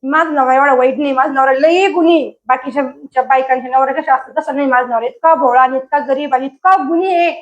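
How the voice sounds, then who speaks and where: A woman's voice: high voice, fast, hardly any pauses, lo-fi sound. A woman playing a wife in a comedy sketch, scolding and complaining. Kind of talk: scripted comedy sketch acting.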